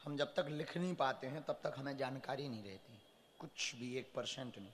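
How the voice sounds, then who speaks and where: Preacher blessing devotees in an echoey hall. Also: male voice, medium pitch, normal speed. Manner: calls out blessings in a rising chant, otherwise calm and reassuring. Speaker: spiritual preacher reading devotees' petitions. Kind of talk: live public darbar session with a devotee.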